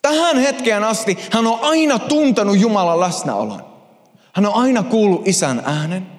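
A male pastor delivers a sermon with passion, dropping to near-whispers and then rising loudly. His voice sits on the high side and moves with lively, wide-ranging intonation. The sound rings with long reverb from a large hall. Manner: impassioned, swinging from hushed to loud.

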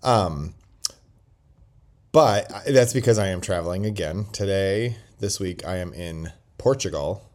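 A man's voice: low voice, animated, a little slow, darkish tone. A man hosting a podcast in casual chat, rambling and joking, recorded on a laptop's built-in microphone. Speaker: podcast host. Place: quiet indoor place while traveling.

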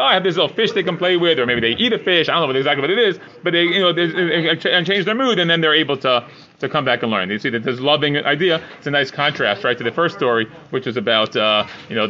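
A man leads a casual Talmud class, translating line by line and filling his speech with likes and you-knows. His voice sits fairly high and sounds bright and forceful. The recording is dull and lo-fi. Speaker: Talmud teacher.

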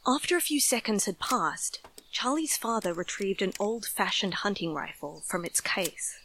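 A woman narrates a scripted horror story with dramatic delivery. Her voice sits at a medium pitch and has a bright, forceful edge. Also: big pitch swings, normal speed, slight background noise, poor audio.

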